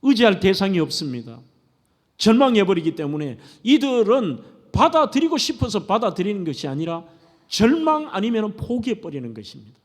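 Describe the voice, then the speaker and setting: A man's voice: high-pitched, very animated, a little fast. A middle-aged man, a pastor preaching a sermon in a church, speaking earnestly and putting questions to his congregation. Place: church sanctuary. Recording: long church-hall reverb.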